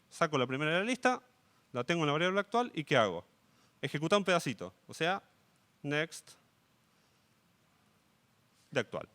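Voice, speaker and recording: A man's voice: fairly high pitch, a bit bright, clear, resonant tone. A young man with an Argentine Spanish accent giving a live coding talk, checking in with his audience often. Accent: Rioplatense Spanish. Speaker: conference speaker.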